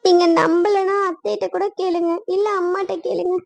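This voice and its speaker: A woman's voice: very high voice, little pitch movement, a little fast, vocal fry, dry recording. A woman voicing a tearful young pregnant wife in labor, wailing and pleading. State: crying.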